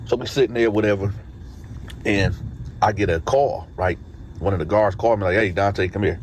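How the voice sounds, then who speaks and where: A man casually telling a story, acting out dialogue with animated streetwise slang. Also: on the low side, normal speed, a little hiss or hum.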